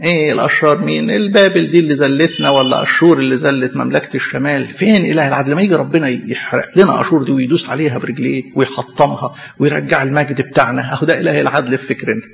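Man, Egyptian Arabic accent, emphatic sermon, rapid delivery, muffled lo-fi church recording. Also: medium pitch, vocal fry, fairly bright tone. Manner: emphatic, poses rhetorical questions and answers them. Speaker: preacher. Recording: echoey hall, dull lo-fi sound.

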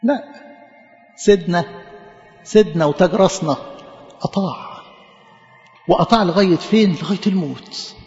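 A man's voice: high-pitched, moderate pace, long pauses, a little mellow, reverberant, long reverb tail, highs cut off, faint music behind. A man with an Egyptian Arabic accent preaching a sermon, asking rhetorical questions and repeating words for emphasis.

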